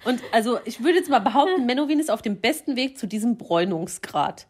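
A woman's voice: on the high side, expressive, brisk, darkish tone. A young woman co-hosting a casual podcast, reading quotes and adding dry sarcastic remarks. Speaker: podcast co-host.

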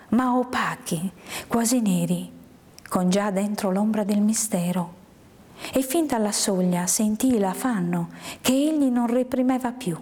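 A woman reading a first-person literary story aloud in a measured, hushed way, sometimes sinking into a whisper. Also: medium pitch. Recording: long hall reverb.

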